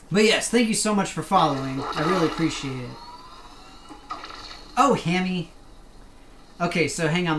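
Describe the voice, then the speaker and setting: A gaming streamer with a low-sitting voice plays from her desk at home, chatting casually, cracking jokes, trying on put-on accents and talking back to the game. It's live-stream commentary, recorded in a roomy space with a faint hum in the background.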